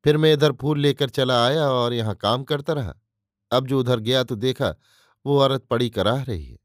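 A man's voice: mid-range voice, normal speed, no room sound, studio quality, close to an everyday voice. A man voicing a humble servant gardener who reports respectfully and a little anxiously. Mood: deferential.

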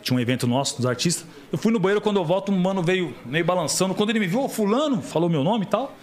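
Fast-talking middle-aged Brazilian man. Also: high-pitched, slight background noise. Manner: animated storyteller, acts out quoted dialogue. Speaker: podcast guest. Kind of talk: casual podcast conversation.

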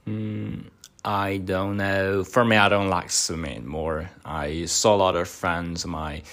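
This podcast host, whose first language is Chinese, works through mock speaking exam answers with lots of hesitation and filler words. His slow, deep voice is a bit bright but flat in delivery.

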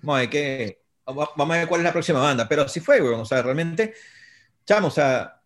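Venezuelan guy rattling off road stories, swears a lot, voice a bit on the high side. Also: lively intonation. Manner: rapid, slangy, profanity-laced. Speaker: concert promoter. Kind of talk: casual storytelling.

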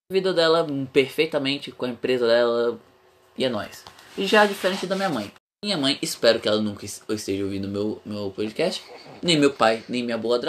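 A young man hosting a casual podcast, talking frankly and rambling, swearing freely. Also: fairly high pitch. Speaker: podcast host.

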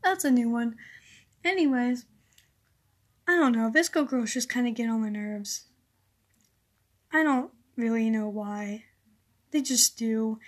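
A woman's voice: fairly high pitch, unhurried, long pauses. A teenage girl hosting her own casual podcast, rambling in a sarcastic, exasperated way. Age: teens. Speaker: podcast host. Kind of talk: casual solo podcast rant.

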